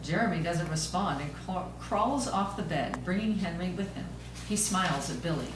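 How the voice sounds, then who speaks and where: Reading stage narration from a script during an amateur table read, this woman speaks at normal speed in a fairly low, animated voice. The distant mic captures heavy echo from the room along with clear noise.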